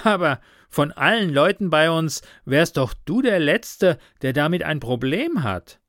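A man voicing a brash young man who banters loudly with his friend. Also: fairly high pitch, sing-song, unhurried, no room sound, studio quality, pitched above the performer's own voice, exaggerated voice. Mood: worried.

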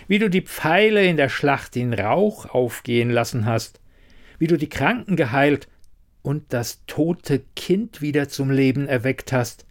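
A man's voice: medium pitch, very animated, normal speed, natural voice. A man voicing a ruthless foreign king in a fantasy audiobook, speaking with scorn and menace. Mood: demanding. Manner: hissing, threatening, scornful.

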